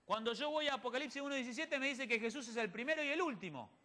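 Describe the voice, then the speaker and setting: Man preaching, high lively voice. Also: fast. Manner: asks the audience rhetorical questions and answers them; quotes others in conversation. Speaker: church speaker. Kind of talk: sermon-style Bible teaching to a congregation. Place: church.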